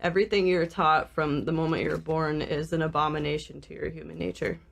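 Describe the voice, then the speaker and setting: A woman with vocal fry, talking reflectively in a casual discussion as a podcast co-host. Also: deep voice, steady tone, brisk.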